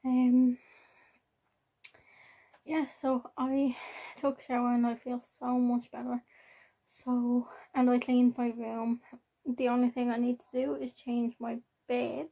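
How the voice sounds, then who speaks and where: Young woman, Irish accent, fairly high voice, husky, casual rambling vlog chat, repeats herself. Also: level tone, mellow, dull audio. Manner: halting, repeats herself, tags sentences with "so I am". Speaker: vlogger. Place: at home, in a room.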